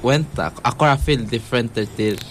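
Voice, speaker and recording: A young man with a Palauan accent speaks as an interviewee, thinking aloud in a halting, conversational way. His voice sits at a medium pitch and he slips between two languages. Faint ambient noise sits behind him. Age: young adult. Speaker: interviewee, university student.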